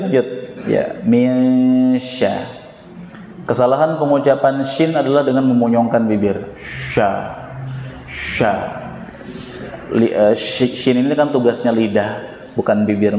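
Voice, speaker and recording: A man's voice: mid-range voice, a little fast, dark tone, a little hiss or hum. A man teaching Quran recitation with an Indonesian Jakarta accent, patiently modeling each sound and having students repeat it. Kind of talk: tajwid lesson with call-and-response drills. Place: prayer hall. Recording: echoey hall, reverb.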